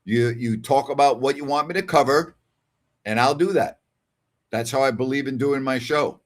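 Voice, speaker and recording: Reading messages from listeners, an older sports talk host chats at a normal speed in a mid-range voice. His call-in show is casual, and his delivery is conversational and emphatic, with phrases repeated for emphasis.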